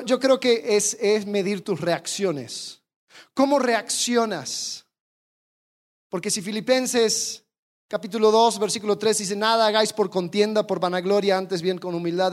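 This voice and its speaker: A preacher delivering a sermon, animated, asking the congregation rhetorical questions and acting out the attitudes they describe. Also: medium pitch. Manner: animated, acts out quoted attitudes.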